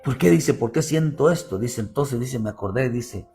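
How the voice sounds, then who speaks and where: Male pastor with a Mexican Spanish accent, mid-pitched, repeats lines and builds emphasis, faint instrument under him. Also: lively intonation, normal speed, creaky, a little mellow, soft background music. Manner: preaching with repetition and rising emphasis, addressing "hermano". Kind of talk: sermon.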